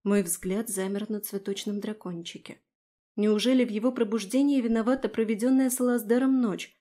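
A woman narrating a first-person fantasy audiobook in an expressive, storytelling manner. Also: medium pitch, normal speed.

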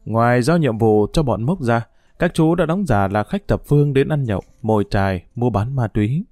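A man narrating a story as an audiobook in an expressive storytelling manner. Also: medium pitch, moderate pace, no room sound. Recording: dry close mic with faint music.

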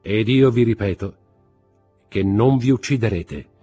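A man voicing a mysterious nobleman who speaks calmly, gently and firmly, with a husky voice. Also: on the low side, moderate pace, soft background music. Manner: calm, gentle, firm.

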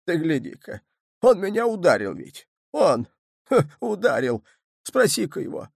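A man voicing a stern, sarcastic old grandfather who scolds in a shrill, raised voice, in an audiobook reading. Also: lively intonation, a little slow, creaky, no room sound, studio quality.

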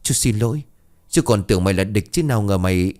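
Man voicing a gruff old village man. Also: fairly low pitch, expressive, quick pace, darkish tone, natural voice. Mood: stern. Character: stern old village man, blunt and decisive.

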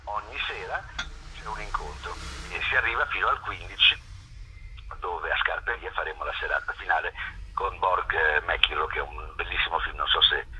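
Heard through a harsh, low-fidelity phone call on the radio, the interviewee is a male film producer and festival curator. His low-pitched voice moves at a moderate pace against background noise, and he speaks spontaneously, hesitating and doubling back on words.

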